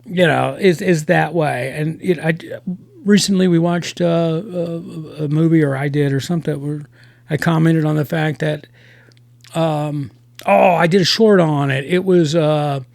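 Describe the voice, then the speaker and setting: A man hosting a casual review podcast, talking in halting starts with many restarts. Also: fairly high pitch, fairly even intonation, creaky, darkish tone, no echo.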